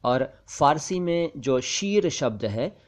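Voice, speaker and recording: A man teaching pronunciation, enunciating each word carefully and slowly and repeating it to contrast wrong and right sounds. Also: fairly high pitch, expressive. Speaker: language teacher. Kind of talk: pronunciation lesson narration.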